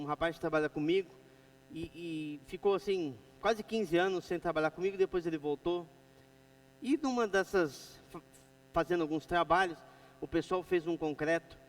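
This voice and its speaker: A middle-aged Brazilian man with a Brazilian Portuguese accent preaching a sermon, moving between loud exhortation and quiet storytelling. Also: a little high, recorded from a distance, low-quality recording.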